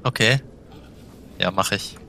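A man with a fairly low, bright voice takes part in a casual tabletop role-play as a player. Background noise is audible. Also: takes it slowly, gravelly.

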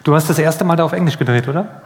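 A man's voice: fairly high pitch, very fast. A man hosting an interview, asking loose, rambling questions and teasing his guest. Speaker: interviewer, host. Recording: long hall reverb.

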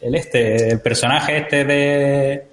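A man's voice: medium pitch, steady tone, slow, a little hiss or hum. Roomy-sounding Spanish man chatting. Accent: Spanish from Spain. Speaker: podcast panelist. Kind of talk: casual group chat. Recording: roomy echo, music underneath.

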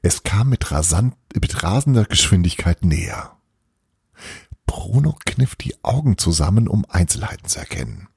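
A man reading a children's story aloud, slow and expressive, with a low, husky voice. The recording is dry and close. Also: dry recording. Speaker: reader.

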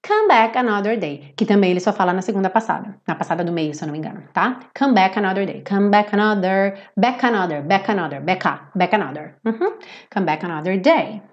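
A Brazilian woman teaching English pronunciation on a livestream, playful, drawing out words slowly to demonstrate them. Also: mid-range voice, expressive, dull audio. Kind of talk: live-streamed pronunciation lesson.

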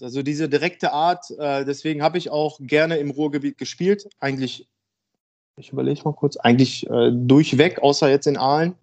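A man in his thirties from Germany, a football player talking frankly and a bit haltingly as a podcast guest. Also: mid-range voice, darkish tone. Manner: frank, rambling, hesitant. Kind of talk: casual podcast interview.

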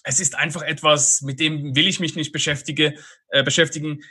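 A man's voice: a little high, little pitch movement, normal speed, pushed and bright, slightly rough. A Swiss man with a Swiss German accent, a guest in a casual podcast interview, chatty and full of fillers and laughs. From Switzerland. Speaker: guest, online marketer.

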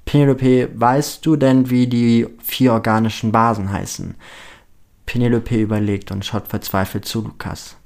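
A man narrating a story aloud in a steady storytelling manner. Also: lowish voice, gravelly.

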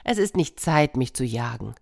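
A woman's voice: very deep voice, animated, normal speed, gravelly, heavily acted. A woman voicing a cool, unimpressed cat in a children's storybook tale, talking dry and dismissive.

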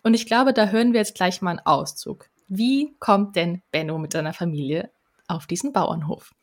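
A woman's voice: lowish voice, moderate pace. A woman hosting a chat about a children's book, asking curious questions. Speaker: host. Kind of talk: casual chat.

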